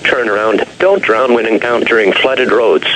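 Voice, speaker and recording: A synthetic man's voice reading emergency alert weather bulletins in a measured, formal, impersonal way. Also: on the low side. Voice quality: synthetic text-to-speech voice. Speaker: automated weather radio announcer. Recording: noisy weather radio broadcast.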